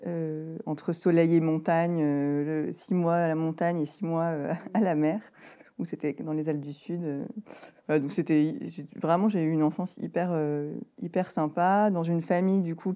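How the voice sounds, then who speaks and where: A woman in her thirties from southern France, chatting as an interview guest, laughing often and filling pauses with "euh". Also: deep voice, dark tone. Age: 30s. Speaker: guest, co-founder. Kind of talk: casual interview.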